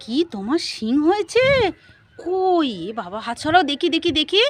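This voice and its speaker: A woman playing a mother in a family comedy skit, talking in an animated, teasing, sing-song way. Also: very high-pitched, moderate pace, no echo.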